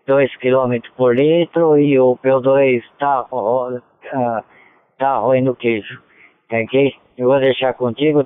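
Man on a two-way radio passing the turn in a ham net, unhurried, clear voice, tinny. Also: medium pitch, dry recording. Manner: easygoing, repeats call signs, checks in with "tá ok?". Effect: transmitted over a two-way radio. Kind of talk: radio net relay, calling stations. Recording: narrow tinny radio transmission.

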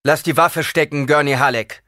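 A man voicing a calm, commanding young male desert leader in an audiobook, speaking firmly. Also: a little high, normal speed, no room sound, clean studio sound, pitched above the performer's own voice. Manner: firm, commanding.

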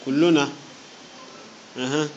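A man's voice: a little high, steady tone, slow pace, darkish tone, lo-fi sound, slight background noise. A man teaching an Arabic grammar lesson to students in a classroom, explaining patiently with worked examples, repeating key points and checking that they understand. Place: teaching room with students present.

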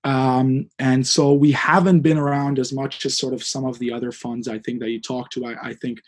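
A man's voice: mid-range voice, little pitch movement, normal speed. A man in his twenties from Hungary, a guest director of a student fund, answering thoughtfully with many fillers and hedges. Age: 20s. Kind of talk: interview.

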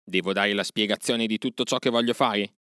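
A man's voice: lowish voice, moderate pace, fairly bright tone, dry recording, studio quality. A man voicing a proud young man-cub raised by wolves, giving urgent commands in an audiobook reading. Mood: commanding. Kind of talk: audiobook character voice.

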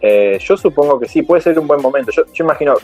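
A man's voice: on the high side, fast talker. A man with an Argentine accent hosting a casual panel and asking the guests for recommendations. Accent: Argentine Spanish. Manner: relaxed, steering the talk. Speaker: host. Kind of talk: casual group chat. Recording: dull lo-fi call audio with faint music.

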